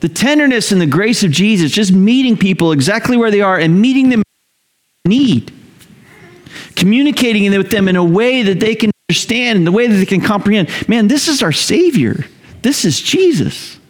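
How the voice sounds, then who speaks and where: A man preaching a sermon, telling the story in a conversational, animated way, rising loud and high when excited and dropping low and quiet to reflect. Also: moderate pace. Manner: conversational fillers and repeated phrases. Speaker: pastor.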